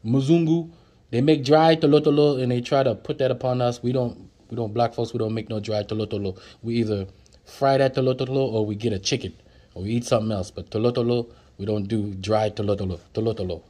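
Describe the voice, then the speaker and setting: Speaking fast in a steady, mid-range voice with a dark tone, a man teaches vocabulary from flashcards in a relaxed lesson. He repeats every word and jokes around with viewers while sitting off camera at a table indoors.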